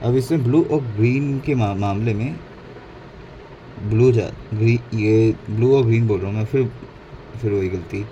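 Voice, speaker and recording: A low-pitched man talks through a painting lesson in a mellow, unhurried voice, switching between Hindi and English and catching his own slips. A faint hum of background noise sits under the recording. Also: dull audio. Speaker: painting instructor. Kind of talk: casual painting tutorial narration.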